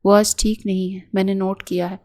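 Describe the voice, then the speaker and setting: A woman voicing an anxious, lovesick young wife with a soft, pleading way of speaking. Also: mid-range voice, little pitch movement, lightly acted. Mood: upset.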